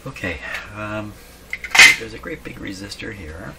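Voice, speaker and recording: A man with a lowish, expressive voice, speaking a little slowly, gives casual hands-on repair commentary, musing aloud and asking himself questions as he works. He's a radio repair hobbyist and video host, recorded against a clearly noisy workshop background.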